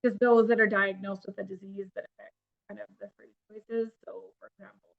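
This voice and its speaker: A woman's voice: medium pitch, little pitch movement, brisk, gravelly. Woman, dietitian presenting, casual, filler-heavy, remote call mic, voice cutting in and out, muffled lo-fi sound. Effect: voice cutting in and out on a call connection. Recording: dull lo-fi call audio dropping out.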